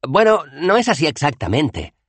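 A man voicing a timid, eager male tourist in an audiobook, talking in an animated, excited way. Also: a little high, normal speed, no room sound, voice pushed up. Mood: cautious. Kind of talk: audiobook character voice.

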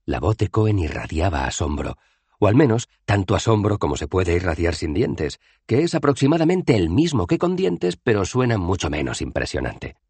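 A male narrator reading a storybook aloud in a low, husky voice. His delivery is expressive and measured, with lively pitch swings. The sound is close and dry. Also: no room sound. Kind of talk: audiobook narration.

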